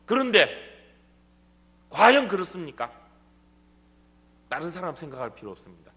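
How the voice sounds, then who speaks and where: A male pastor with a Gyeongsang dialect preaching a sermon, animated and full of rhetorical questions. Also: sits high, moderate pace. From South Korea, Gumi area. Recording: long church hall reverb.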